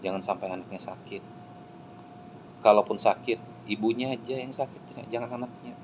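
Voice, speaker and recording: A man preaching a sermon, swinging from hushed pleading to loud exclamations. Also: fairly low pitch, normal speed, a little hiss or hum, low-quality recording. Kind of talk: emotional sermon.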